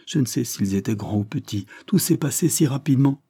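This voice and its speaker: Un homme incarne une jeune noble effrayée qui supplie et pleure, dans la lecture d'un roman. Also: male voice, medium pitch, expressive, fairly quick, warm tone, slightly rough, no echo, studio quality, voice pushed up. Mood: distraught, pleading. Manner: tearful, trembling pleading. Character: frightened young noblewoman, tearful and pleading. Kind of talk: audiobook character reading.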